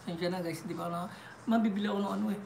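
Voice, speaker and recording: A woman from the Philippines chatting casually as a vlogger, laughing often and giving shout-outs. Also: lowish voice, fairly even intonation, rapid-fire, vocal fry, a little hiss or hum.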